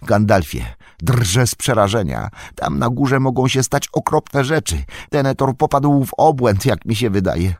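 A man's voice: mid-range voice, normal speed, hardly any pauses, no room sound, clean studio sound, voice pushed up, natural voice. A man voicing Pippin, a frightened young male hobbit who pleads breathlessly and urgently.

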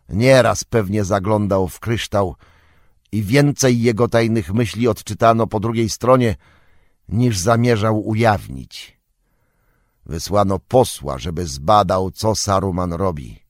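A man voicing a wise, stern old male wizard in an audiobook, explaining at length in a measured, grave way. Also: lowish voice, no echo, studio quality, lightly acted. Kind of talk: audiobook character reading.

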